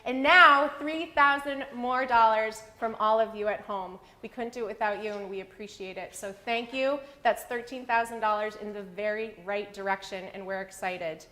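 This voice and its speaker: A woman's voice: medium pitch, moderate pace, hardly any pauses, bright, forceful tone. A woman in her thirties from Maine, hosting a live webcast in a chatty, upbeat way from a studio set. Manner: upbeat, chatty, laughs often. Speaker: webcast host. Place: studio set with a small table and laptop.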